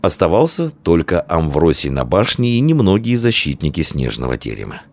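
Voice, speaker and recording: Deep, lively male storyteller. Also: moderate pace. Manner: expressive storytelling. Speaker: narrator. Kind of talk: audiobook narration.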